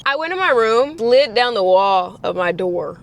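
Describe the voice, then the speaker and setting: Animated woman telling a story. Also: moderate pace, vocal fry. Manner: animated, acts out quotes in higher voices. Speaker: storytime vlogger. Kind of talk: casual storytime chat.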